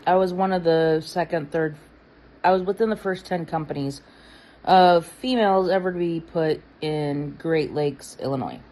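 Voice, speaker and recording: Lowish voiced woman telling an old story, chatty, lots of uh and anyhow. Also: dark tone, a little hiss or hum, rough recording. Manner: chatty, with fillers and quick asides. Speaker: guest recalling her past. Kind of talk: casual anecdote.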